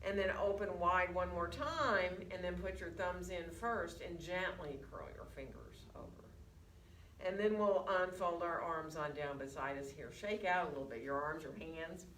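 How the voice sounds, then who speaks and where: A woman teaching a gentle yoga class, speaking through a face mask and giving guided breathing and movement instructions. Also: fairly low pitch, normal speed. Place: indoor yoga studio. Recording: distant mic, echoey room, faint noise.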